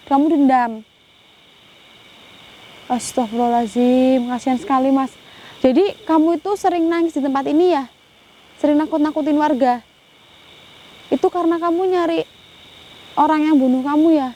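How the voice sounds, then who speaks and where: A young woman on a ghost-hunting vlog, talking softly and with pity to an unseen spirit and often breaking into Islamic exclamations. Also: high voice. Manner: hushed and pitying, with frequent Islamic exclamations.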